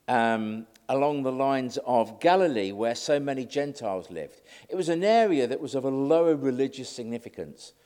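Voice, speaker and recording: Lively, chatty middle-aged man preaching. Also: medium pitch. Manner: chatty, self-deprecating, acts out quotes. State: slightly nervous. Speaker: lay preacher. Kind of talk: conversational sermon.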